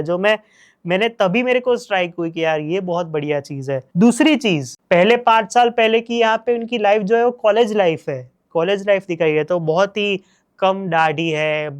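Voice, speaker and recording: A man's voice: high-pitched, clean tone. Enthusiastic man reviewing a series. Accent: Gujarati. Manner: enthusiastic, repeats praise, mixes in English phrases. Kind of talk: casual review talk.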